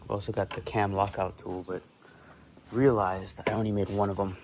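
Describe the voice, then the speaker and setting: A man's voice: on the low side, level tone, normal speed, heavy background noise. Laid-back young guy vlogging in his garage. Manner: laid-back, swears casually, trailing asides. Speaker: car builder vlogger. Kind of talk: casual garage vlog narration. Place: home garage and driveway.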